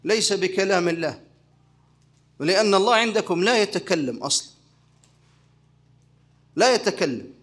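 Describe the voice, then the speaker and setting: At a moderate pace broken by long pauses, an animated sheikh with a notably high male voice delivers a religious lesson. He throws out questions and answers them himself, building each point in a teaching rhythm, and his tone is a bit bright.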